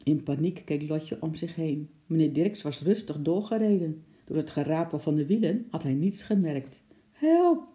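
Dark-voiced woman reading a storybook. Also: deep voice, moderate pace, few pauses. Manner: expressive, dramatic narration. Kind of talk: children's storybook read-aloud.

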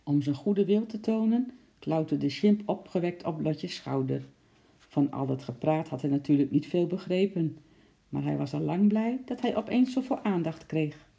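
A narrator reading a children's story aloud in a calm, even manner. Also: medium pitch, normal speed, creaky. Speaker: audiobook narrator.

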